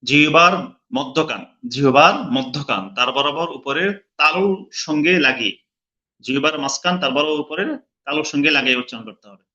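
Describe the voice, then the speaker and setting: A Quran recitation teacher with a Bangladeshi Bengali accent gives an online lesson on letter pronunciation, slowly and patiently repeating each sound and sometimes chanting it drawn out. His voice is fairly high, bright and forceful, and the sound is lo-fi.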